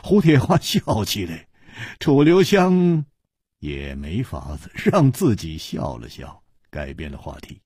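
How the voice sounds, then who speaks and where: A man's voice: deep voice, slow, slightly rough, no room sound, studio quality. A man narrating a spoken novel expressively, acting out the characters. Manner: expressive, dramatic. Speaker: storyteller.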